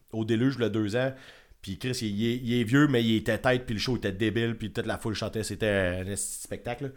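A man with a Quebec French accent chats casually about records, rambling and enthusiastic and swearing freely. His voice sits at an ordinary middle pitch. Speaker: podcast host. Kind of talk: casual music review chat.

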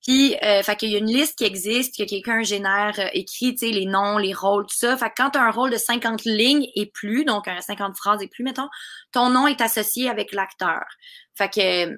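A woman's voice: mid-range voice, moderate pace, a bit bright. A woman with a Québécois accent, a dubbing actress chatting casually as a guest and laughing often. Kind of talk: casual interview chat.

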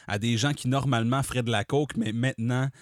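A Québécois man in an improv comedy show, talking in an animated, rambling way. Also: mid-range voice, a little fast, no echo, studio quality. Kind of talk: casual improv chat.

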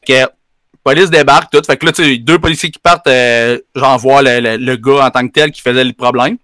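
A man with a Quebec French accent telling a story in casual chat, animated and slangy with lots of fillers. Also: mid-range voice, brisk, no room sound, studio quality. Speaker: podcast co-host telling a story.

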